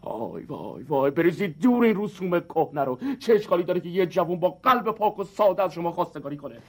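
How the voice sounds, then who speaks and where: A sly, melodramatic young courier in a comedy sketch, his voice pitched high for a man. He wheedles and flatters, then erupts into theatrical shouts. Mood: wooing. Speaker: motorcyclist.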